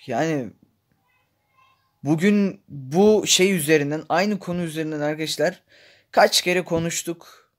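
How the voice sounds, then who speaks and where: A man giving gameplay commentary, exasperated and complaining, swinging between tired muttering and loud outbursts. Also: on the high side, measured pace, pauses often. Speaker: gaming YouTuber.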